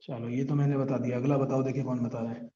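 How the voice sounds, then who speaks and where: A male teacher with an Indian accent, giving an online class and urging his students to answer quickly, mixing Hindi with English. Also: mid-range voice, flat delivery, dark tone. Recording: dull echoey room sound.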